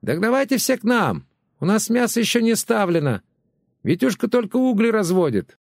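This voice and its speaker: A man voicing a brash village neighbor woman who shouts across a fence, loud and blunt, in a dry close recording. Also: high-pitched, very animated, fairly quick, no room sound, pitched above the performer's own voice, full character voice.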